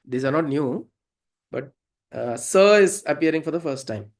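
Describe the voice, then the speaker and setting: A man's voice: fairly high pitch, lively intonation, normal speed. A man with a South Indian accent explaining devotional verses as a teacher, in an informal, didactic way with frequent check-in questions. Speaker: teacher of Sanskrit devotional hymns.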